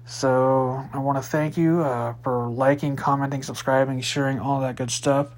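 A man talks through the week's new movie releases in a loose, rambling way, full of fillers and restarts. His pitch sits in an ordinary middle range. It sounds like a casual solo podcast. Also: fairly even intonation, normal speed. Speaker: podcast host.

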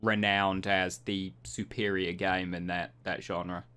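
A man on a gaming podcast, chatting in a relaxed, opinionated way that leans on "I feel like.". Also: low-pitched, slow, clean tone. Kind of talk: casual gaming chat.

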